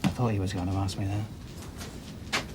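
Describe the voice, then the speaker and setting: An actor playing a chatty car hire owner. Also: male voice, deep voice, steady tone, a little fast, background noise, close to an everyday voice. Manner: rambling, easygoing. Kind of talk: 1990s British TV police drama.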